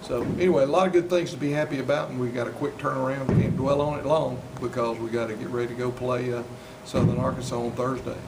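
Older guy coach talking postgame, flat steady voice, mic far off, lots of noise. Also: mid-range voice, quick pace, hardly any pauses. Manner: steady, plainspoken, many fillers. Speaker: head football coach. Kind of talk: postgame interview. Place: indoor interview backdrop. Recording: distant mic with loud noise.

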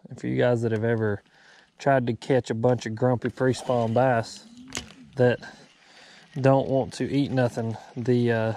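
A man hosts a relaxed fishing vlog from a bass boat, joking with his friend and addressing the folks watching. His voice sits at an ordinary middle pitch. Faint outdoor noise runs under the camera mic. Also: measured pace. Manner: joking, chatty, talks to viewers as folks. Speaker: fishing channel host.

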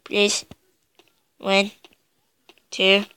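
A woman's voice: medium pitch, monotone, extremely slow, sharp tone, clean tone. A young woman doing gameplay commentary, jumpy and yelping with laughter when scared. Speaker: gaming video creator.

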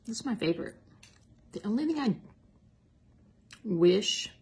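A woman's voice: mid-range voice, lively intonation, unhurried, darkish tone, a little hiss or hum. A middle-aged woman, chatting casually and self-mockingly as a diet coach in a cooking vlog. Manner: chatty, self-mocking, drops to a whisper at times.

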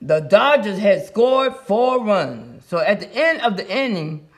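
A man reading a children's picture book aloud in a lively way, with sound effects and small slips. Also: high-pitched, unhurried. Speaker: story reader.

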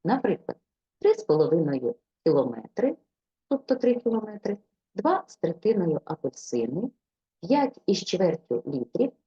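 A woman teacher giving a scripted grammar lesson to students, in a clear and deliberate teaching delivery. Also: fairly low pitch, big pitch swings, lo-fi sound.

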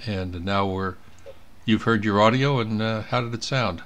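A man on the low side of the pitch range, a little slow and a bit bright, runs a casual screen tutorial as an amateur radio operator. He thinks aloud while working indoors at his computer.

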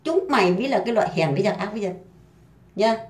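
This woman is ranting at full anger, coarse and profane, driving her insults home through repetition. Her pitch sits in the middle of the usual range. The room around her gives the voice a noticeable echo. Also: expressive, quick pace. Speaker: housemaid ranting online. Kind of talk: angry profane rant. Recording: roomy echo.

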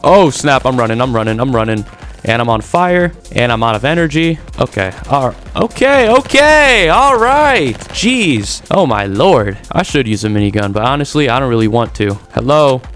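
A man giving excitable live commentary over his own video game play, trash-talking opponents and reacting as he goes. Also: medium pitch, fairly quick. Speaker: gaming YouTuber. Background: game music and gunfire.

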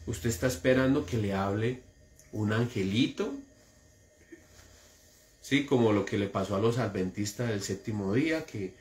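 A man preaching a sermon with a Colombian accent, animated and mocking as he mimics would-be prophets. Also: on the low side, moderate pace, long pauses. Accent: Colombian Spanish. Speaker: pastor. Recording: echoey church room.

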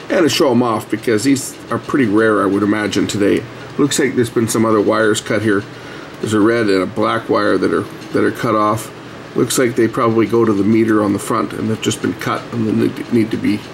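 Working at an indoor bench, this middle-aged man hosts a repair video and chats through the job in a relaxed, conversational way. He has a lowish, gravelly voice, captured in a noisy room.

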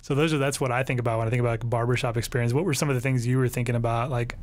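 A podcast host runs a casual interview chat, asking long, rambling questions packed with fillers. He talks very fast in a mid-range voice with a steady tone.

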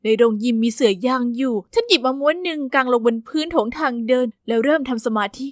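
Woman reading a diary story out loud, high voice, steady, dry close mic. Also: quick pace, no echo. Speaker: narrator. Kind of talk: first-person storybook narration.

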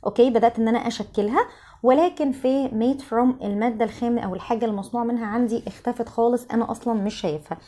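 A young adult woman teaching an English vocabulary lesson in Egyptian Arabic, drilling words slowly syllable by syllable between quick explanations. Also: on the high side, warm tone.

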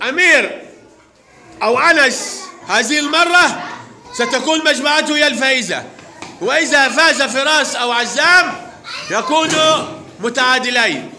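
Male primary teacher, higher pitch, snaps brisk commands at kids in a loud classroom. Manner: brisk commanding calls to pupils. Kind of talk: classroom instruction. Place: large classroom. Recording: noisy classroom with clicks.

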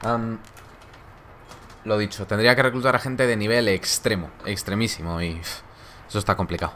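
A man's voice: fairly low pitch, steady tone, moderate pace, fairly bright tone, a little hiss or hum. Joking young man streaming. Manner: laid-back, joking, laughs often. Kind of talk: casual live-stream chat reading viewer comments.

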